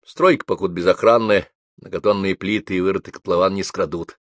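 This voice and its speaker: A man reads a novel aloud in a very deep voice. He keeps a measured, even storytelling pace, and the recording is dry with no room sound. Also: no echo. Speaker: audiobook reader. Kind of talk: scripted narration of a novel.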